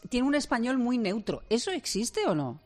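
A man's voice: very high voice, sing-song, moderate pace, a little mellow, soft background music. A man on a radio panel, asking curious, chatty questions.

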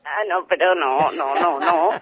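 A woman's voice: low voice, steady tone, unhurried, a crowd in the background. A young woman on a phone call, confused and laughing often as she answers a caller. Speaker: prank call target. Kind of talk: phone conversation. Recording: dull lo-fi phone audio.

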